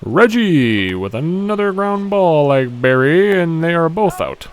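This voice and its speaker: A young man giving excitable play-by-play commentary on a video game, shouting on big hits and muttering quieter asides. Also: fairly high pitch, unhurried, a little hiss or hum. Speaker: gaming YouTuber.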